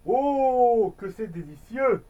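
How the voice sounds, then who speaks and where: A man's voice: very high-pitched, animated, slow, distant mic, lo-fi sound, heavily acted. A man doing a greedy cheerful little elf. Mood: gleeful. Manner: sing-song, playful. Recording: voice a bit off-mic.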